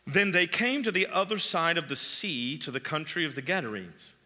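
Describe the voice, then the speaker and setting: A man's voice: on the high side, animated, moderate pace, sharp tone, big-room sound. A man pastor preaching a sermon and reading scripture, emphatic, repeating key phrases for weight. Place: church sanctuary.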